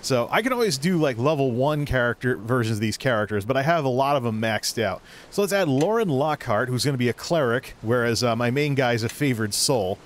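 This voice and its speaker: A man's voice: medium pitch, animated, brisk, hardly any pauses, a little hiss or hum. A man giving casual gameplay commentary, rambling and thinking aloud as a video creator.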